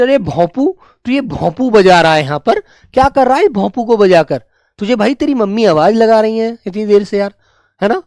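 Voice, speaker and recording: A man's voice: sits high, no echo, clean studio sound. A man teaching an exam revision lesson in a chatty way, calling his students "beta" and "dear children" and asking "right?" again and again.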